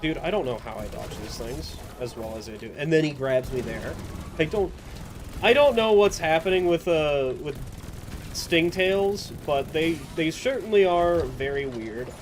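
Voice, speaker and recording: A man's voice: on the high side, animated, unhurried, slight background noise. A man giving casual, rambling commentary over his own gameplay, chatty and self-mocking, often tripping over his words.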